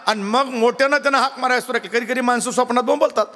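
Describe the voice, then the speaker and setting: A man's voice: very high voice, fairly even intonation, racing, sharp tone, long reverb tail. A man with a Marathi accent preaching a devotional kirtan sermon, telling a story and acting out the voices in it. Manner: acts out quoted voices of a husband and wife.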